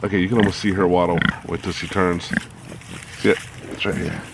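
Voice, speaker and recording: Low-voiced chatty hobby farmer outdoors. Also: male voice, steady tone, fairly quick, creaky, background noise. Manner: chatty and joking, talks to his animals. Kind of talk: casual vlog narration. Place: outdoors by a farm fence.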